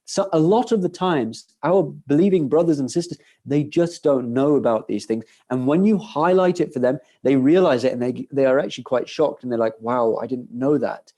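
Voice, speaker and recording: Earnest mellow-voiced man explaining. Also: a little high. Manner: earnest, conversational, with stumbles and restarts. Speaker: guest scholar answering audience questions. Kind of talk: casual lecture Q&A.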